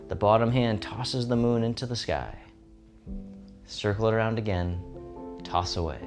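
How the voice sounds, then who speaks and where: A man giving serene, gentle tai chi instruction in short, soothing guided movement cues. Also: fairly low pitch. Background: instrumental music.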